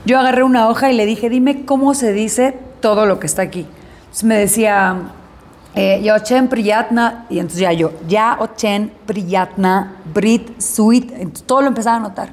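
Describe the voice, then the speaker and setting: A woman actress recounting an experience in an interview, lively and acting out the dialogue in her story. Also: mid-range voice, brisk.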